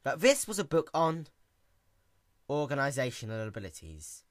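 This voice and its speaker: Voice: moderate pace, dry recording, clean studio sound, lightly acted. A storyteller voicing a furious, exasperated young female pony princess who scolds with heavy emphasis in a cartoon fan story. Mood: controlled anger. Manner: emphatic, swinging from icy calm to booming shouts.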